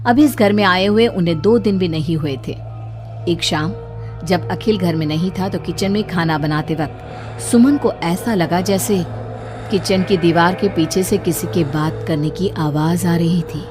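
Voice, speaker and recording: A woman narrating a scripted horror story for a cartoon in a steady, suspenseful way. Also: lowish voice, a little slow, over music.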